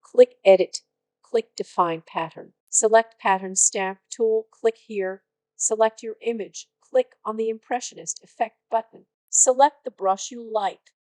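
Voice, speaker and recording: A robotic text-to-speech woman's voice giving short, clipped step-by-step software instructions as a tutorial narrator. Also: on the high side, measured pace, long pauses, clean tone, dry recording, low-quality recording.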